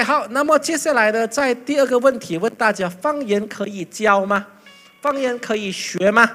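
A pastor giving a lively sermon full of acted stories, breaking into loud bursts. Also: mid-range voice. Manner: animated, loud bursts, mimics chanting.

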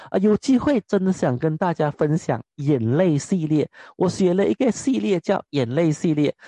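A young male preacher delivers a personal testimony sermon with a noticeably high voice. He is animated, often turning to his listeners with rhetorical questions. The sound is dry and close, with no room echo. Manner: animated, keeps asking the audience rhetorical questions.

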